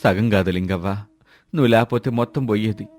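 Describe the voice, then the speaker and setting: A man voicing a cautious, kind-hearted village farmer who speaks in a steady, earnest way. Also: fairly low pitch, a little fast, soft background music, close to an everyday voice. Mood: kindly. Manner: steady, earnest, shouts commands when urgent.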